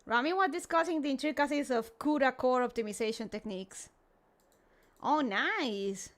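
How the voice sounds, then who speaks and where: High-pitched, cute anime-style woman streamer. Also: moderate pace. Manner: sprinkles Japanese greetings into talk. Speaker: livestream host. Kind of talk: casual livestream chat, reacting to videos and greeting viewers.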